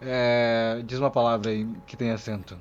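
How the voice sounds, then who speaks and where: A man's voice: medium pitch, flat delivery, normal speed. Joking Brazilian man on a dull lo-fi line. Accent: Brazilian Portuguese. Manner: joking, laughs easily, swears casually. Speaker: podcast co-host. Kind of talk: casual chat. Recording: dull lo-fi recording.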